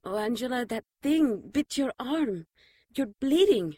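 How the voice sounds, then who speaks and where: A woman playing a shaken but caring, gently reproving nun in an audio drama. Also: on the high side, lively intonation, a little slow, dry recording. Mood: soothing, concerned.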